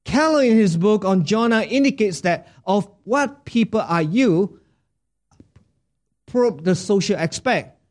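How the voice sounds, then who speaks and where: A man preaching a sermon as pastor, asking the congregation rhetorical questions in a deliberate way. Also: high-pitched, expressive.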